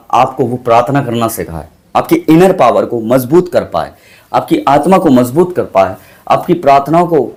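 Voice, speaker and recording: A man's voice: mid-range voice, a little mellow. A pastor preaching, repeating his points with restarts and exclamations. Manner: preachy, repeats lines with many restarts and hallelujahs. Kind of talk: sermon.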